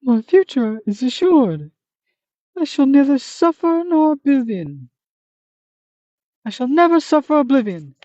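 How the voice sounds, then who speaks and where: A reader voicing the Manticora, a fierce monster turned solemn and philosophical, in a high, loud, theatrical voice, on a dull, muffled recording. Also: sing-song, unhurried, pauses often, no room sound. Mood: solemn, grand.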